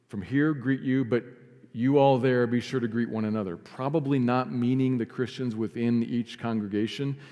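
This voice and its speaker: A man preaching a sermon as pastor, earnest, sometimes dropping to a soft, quiet emphasis. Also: mid-range voice, in a large hall. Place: church sanctuary.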